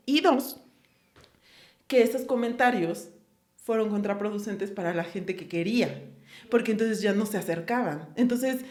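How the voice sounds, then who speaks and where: A woman's voice: medium pitch, normal speed, pauses often, darkish tone. A young woman with a Mexican Spanish accent, talking candidly and personally as a podcast host, quoting her own thoughts with many fillers. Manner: candid, confessional, lots of fillers and quoted inner speech. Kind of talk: casual conversation. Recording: echoey room.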